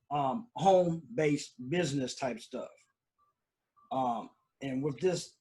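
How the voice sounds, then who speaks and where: A man hosting a casual live stream from home, talking loosely with lots of fillers and restarts. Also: on the high side. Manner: loose, rambling, conversational with fillers. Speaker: host.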